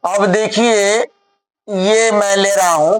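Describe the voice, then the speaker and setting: A man's voice: high voice, steady tone, slow. A man teaching a physics lesson to a class. He dictates word by word and keeps asking the students questions.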